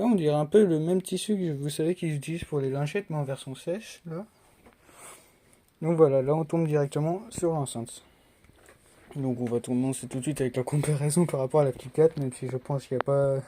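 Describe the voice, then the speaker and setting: A man's voice: a little high, moderate pace, warm tone. A young man from France chatting casually through an unboxing vlog, rambling with many fillers and restarts. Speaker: tech unboxing vlogger.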